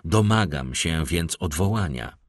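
A man's voice: very deep voice, expressive, unhurried, no room sound, clean studio sound, full character voice. A man voicing a proud, indignant young count in an audiobook, speaking stiffly and insistently. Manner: stiff, demanding, heated. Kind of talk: audiobook character voice.

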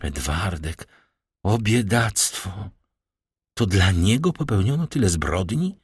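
A man's voice: sits low, expressive, slow, breathy edge, no room sound, clean studio sound, exaggerated voice. A man reading aloud and voicing a frightened, pious young noblewoman in a pleading, tremulous way.

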